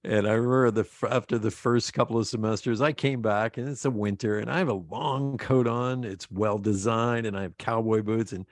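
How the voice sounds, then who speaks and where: Middle-aged man, from Pennsylvania, podcast guest, rambling storyteller, laughs often, lowish voice, dry close sound. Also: steady tone, a little fast, hardly any pauses, no room sound. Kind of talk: casual interview chat.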